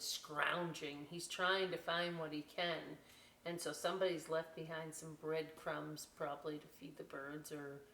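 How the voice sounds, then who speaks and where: An American woman with a fairly low voice hosts a children's story time, reading a picture book aloud expressively and adding folksy, explanatory asides. The recording has a faint hiss or hum, a roomy echo, and a distant mic.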